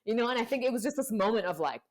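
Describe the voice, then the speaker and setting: A woman's voice: fairly high pitch, animated, rapid-fire. A young woman guest in a casual chat, telling a personal story full of "like" fillers and acted-out quotes. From Panama and Colombia. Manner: storytelling, acts out quoted voices, many "like" fillers.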